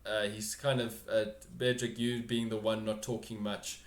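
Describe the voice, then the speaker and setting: A man narrating a tabletop game as game master, halting and repeating phrases as he searches for words. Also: lowish voice, level tone. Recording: roomy, echoing home recording.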